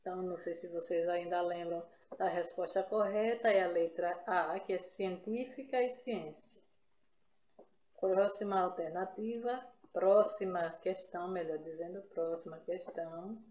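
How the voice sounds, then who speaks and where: Woman, from Brazil, exam-prep teacher, unhurried, step-by-step explanations, roomy echo. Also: on the low side, darkish tone, a little hiss or hum. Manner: explains step by step, checking in with listeners. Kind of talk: exam-prep grammar lesson.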